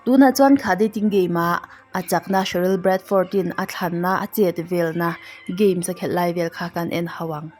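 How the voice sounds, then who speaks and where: A woman's voice: fairly low pitch, moderate pace, a little mellow. A woman narrator telling a true-crime story in a storytelling style. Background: faint music.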